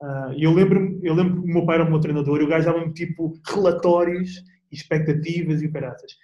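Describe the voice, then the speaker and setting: A young man with a European Portuguese accent, chatting as an interview guest in a relaxed, slangy way with plenty of restarts. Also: a little high, fast, echoey room, dull audio. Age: young adult. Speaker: guest athlete. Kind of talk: casual interview chat.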